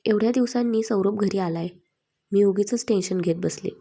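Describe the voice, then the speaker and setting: Woman doing nervous young wife, kinda husky and mellow, frets over every answer. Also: medium pitch, moderate pace. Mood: cheerful. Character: young wife, anxious and easily frightened.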